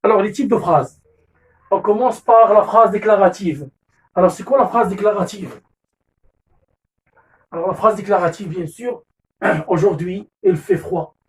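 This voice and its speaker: A man's voice: high-pitched, unhurried, pauses often. Moroccan-accented male teacher explaining grammar step by step, repeats himself and self-corrects, recorded from a little distance. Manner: repeats key terms, corrects himself with "pardon"; mixes French with Moroccan Arabic asides. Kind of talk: classroom lesson explanation. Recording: voice distant from the mic.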